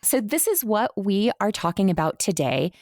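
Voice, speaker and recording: A woman's voice: medium pitch, very animated, normal speed, a little mellow, no room sound, clean studio sound. A woman hosting a podcast, chatting casually and laughing often. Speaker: podcast host.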